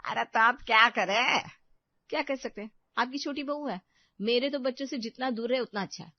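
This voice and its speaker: A woman's voice: a little high, moderate pace, no room sound, lightly acted. A woman playing a bossy older mother-in-law. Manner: commanding, blunt. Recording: dull lo-fi dry recording.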